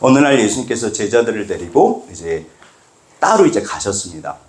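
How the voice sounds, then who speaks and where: Brief: a male pastor preaching with lively pitch swings and the ring of a church hall. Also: normal speed, slight background noise. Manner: animated, acts out scripture quotes. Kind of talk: sermon. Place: church sanctuary.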